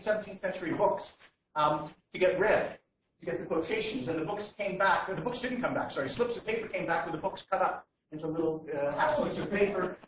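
A Canadian man with a slightly high voice delivers a slide-free public talk, hesitating often and restarting his sentences between fillers. He's recorded from a distance by a room mic in a large hall, so the sound is very echoey with a little noise.

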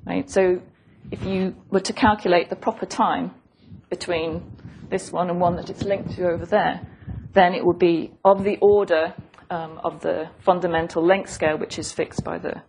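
A woman lectures on physics in a low, slightly mellow voice, with a flat delivery at a moderate pace and few pauses. She still explains thoughtfully like a professor, hesitating and repeating phrases. The recording is noisy and clicky.

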